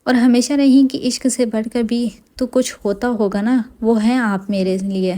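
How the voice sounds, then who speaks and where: A woman's voice: on the high side, fairly even intonation, close to an everyday voice. Woman reading as a teasing army captain husband. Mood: tender. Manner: affectionate, gently scolding. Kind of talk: audiobook dialogue reading.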